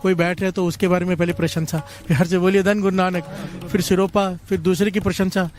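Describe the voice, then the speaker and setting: Male preacher, high-pitched, devotional storytelling sermon with call-and-response over faint background music. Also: little pitch movement, fast talker, a little mellow. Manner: leads call-and-response with the congregation. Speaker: Sikh preacher.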